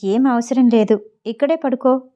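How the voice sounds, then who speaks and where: A woman voicing an irritated, reserved young married man who speaks low and curt in a storybook reading. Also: normal speed, warm tone, muffled recording, natural voice. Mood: reluctant.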